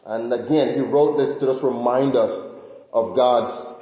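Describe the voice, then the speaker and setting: A man's voice: mid-range voice, a little slow, dark tone, highs cut off. A man preaching a sermon to his congregation in earnest, repeating key phrases, with many fillers and restarts. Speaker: pastor. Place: church sanctuary. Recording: echoey church hall.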